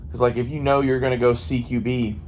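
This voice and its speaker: A man's voice: medium pitch, flat delivery, a little fast, darkish tone. An American man in a casual, rambling monologue, thinking aloud and swearing freely. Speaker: gun hobbyist vlogger. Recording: faint background noise. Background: faint ambient noise.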